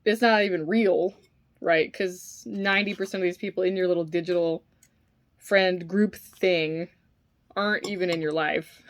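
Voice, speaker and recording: A woman chatting casually and musing in a halting, informal way while eating, sometimes with her mouth full. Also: fairly low pitch. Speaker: vlogger eating on camera. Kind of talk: casual rambling opinion talk while eating.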